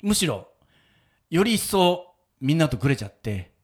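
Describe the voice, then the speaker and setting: A man's voice: a little high, sing-song, normal speed, breathy edge. A man hosting a casual radio chat, telling a moving story and often breaking into laughter. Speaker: radio show host and wedding photographer.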